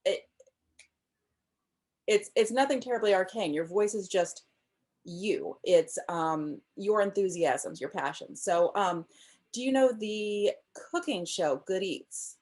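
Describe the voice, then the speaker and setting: Over a video call from a room at home, a novelist in her thirties chats casually in an interview about her ideas on writing. Her mid-range, darkish voice moves slowly, and she speaks with enthusiasm, peppering her thoughts with frequent ums.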